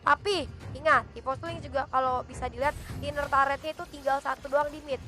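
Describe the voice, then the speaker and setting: A woman's voice: high-pitched, fairly even intonation, fast, sharp tone. An Indonesian woman working as an esports caster, giving chatty, analytical commentary on a live match.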